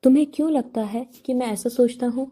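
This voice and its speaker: Calm young man in love, read by a woman. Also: high voice. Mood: calm tender. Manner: calm, soft-spoken lines.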